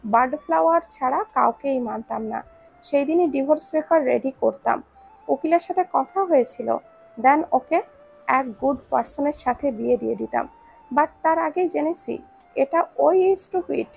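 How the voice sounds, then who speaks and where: A woman's voice: high-pitched, normal speed, creaky, a little mellow, faint music behind. A woman reading the part of a curt, cold young man. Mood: terse. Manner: curt, clipped answers.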